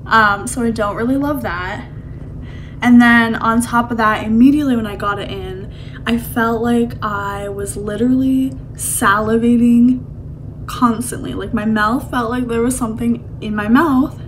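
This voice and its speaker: Slow-talking woman with a slight lisp. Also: fairly high pitch, slight background noise, poor audio. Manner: candid, chatty, many hedging fillers. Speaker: vlogger. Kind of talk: casual video diary.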